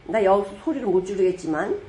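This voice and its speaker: A woman pastor preaching a sermon with lively storytelling, asking rhetorical questions and suddenly booming out dramatic quotations. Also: fast.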